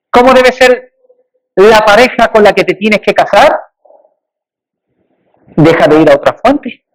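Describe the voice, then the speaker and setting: High-voiced man preaching emphatically. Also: rough recording. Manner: emphatic, rising on repeated rhetorical lists. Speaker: pastor. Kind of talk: sermon.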